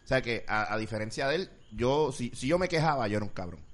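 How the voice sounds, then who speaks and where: Dude chatting about work, lively, acts out callers. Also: male voice, medium pitch, quick pace. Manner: animated, acts out callers' voices. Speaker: call center worker. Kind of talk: casual podcast chat.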